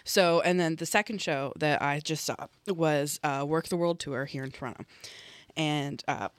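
A man's voice: fairly high pitch, moderate pace, no room sound. A man co-hosting a podcast, chatting in a friendly way and affirming his co-host often. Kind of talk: casual chat.

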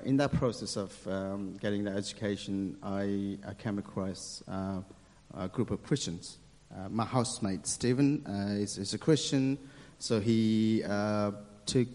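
Young guy telling his story in a church, lots of ums, lowish voice, big hall echo. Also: a little mellow. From Nepal. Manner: hesitant, many ums, quick to laugh. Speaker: interview guest. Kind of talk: casual testimony in church.

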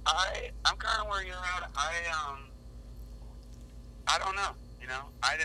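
A man's voice: sits high, animated, a little slow, pushed and bright, a little hiss or hum, rough recording. A man calling in on speakerphone as a guest, chatting casually and repeating words when unsure. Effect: speakerphone call. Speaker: phone-in guest. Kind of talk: casual chat.

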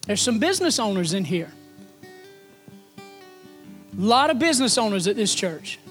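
A man preaching a sermon as pastor, folksy and animated, building emphasis through repetition. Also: high voice, measured pace, faint music behind.

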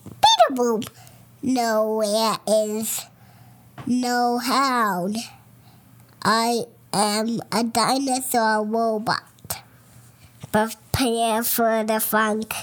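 A performer voicing a funky dinosaur robot in a slow, clipped robotic chant, played as a distant song clip. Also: medium pitch, lively intonation, voice pushed up. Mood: mechanical.

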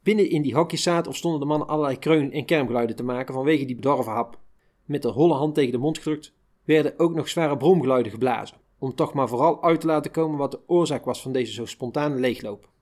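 A man reading a first-person wartime memoir aloud in a measured, unhurried way. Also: mid-range voice, darkish tone. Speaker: reader of a memoir.

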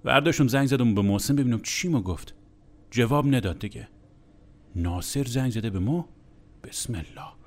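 A man's voice: medium pitch, lively intonation. A young man telling a crude, comic anecdote in a blunt, exasperated way. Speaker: storyteller.

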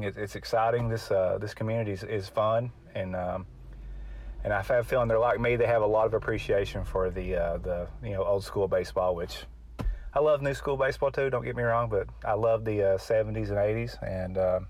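A man's voice: fairly low pitch, darkish tone, no echo. A middle-aged man from Kentucky with an Appalachian drawl, chatting informally as a solo podcast host in a hesitant, folksy, self-effacing way. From Kentucky, United States. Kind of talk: casual solo podcast chat.

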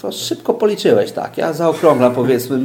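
Male expert guest, patient explainer with relaxed, mellow delivery; roomy recording. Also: on the high side, normal speed, slight background noise. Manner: explains patiently with everyday examples, many hesitations. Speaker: speed-reading teacher. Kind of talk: explanatory interview talk.

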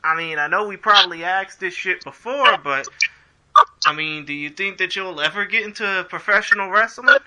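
A man's voice: high voice, normal speed, pushed and bright, poor audio. A man hosting a casual interview show, easygoing, laughing often and repeating his words as he asks questions.

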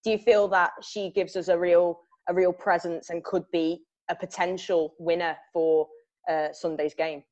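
A woman's voice: on the low side, flat delivery, moderate pace, darkish tone, muffled recording. A woman hosting a club podcast, asking players chatty questions and laughing easily between them. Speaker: podcast host.

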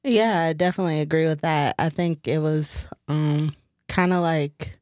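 A woman's voice: low-pitched, normal speed, darkish tone, dry recording. A woman poet from Detroit answering interview questions in a chatty way, with many "like"s and "um"s. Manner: chatty, frequent "like" and "um".

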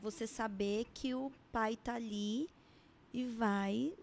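Animated woman telling stories. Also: a little high, slow pace, creaky. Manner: animated storyteller, acts out quotes. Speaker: podcast guest mother. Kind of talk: casual podcast chat.

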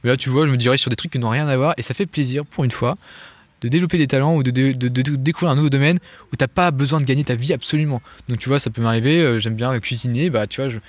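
A man from France, a guest on an interview, chatting casually in a quick, loose way with many fillers and restarts. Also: medium pitch, dry recording. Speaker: guest, online Irish music teacher.

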